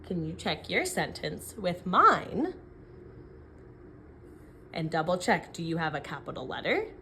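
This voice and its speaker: A woman teacher dictating sentences word by word, sounding out letters and syllables deliberately and checking in with questions. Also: fairly low pitch, big pitch swings, pushed and bright, a little hiss or hum. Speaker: elementary phonics teacher.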